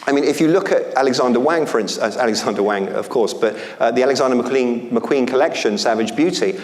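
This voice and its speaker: A man's voice: medium pitch, quick pace. A man co-hosting a live event with conversational, staged debate banter. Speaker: event co-host.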